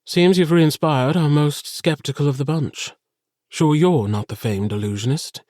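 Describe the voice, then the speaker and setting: A proud dragon-kin matron speaks with warmth and a knowing air. A man voices her in an audiobook. The sound is dry and close. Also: fairly high pitch, a little slow, no room sound, voice pushed up, lightly acted. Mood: teasing. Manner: warm, knowing.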